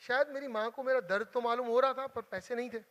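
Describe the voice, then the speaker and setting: Young male motivational speaker, very high bright voice, earnest and emotional, long hall reverb. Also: steady tone, quick pace. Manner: emotional, earnest, repeats for emphasis. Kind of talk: motivational storytelling talk.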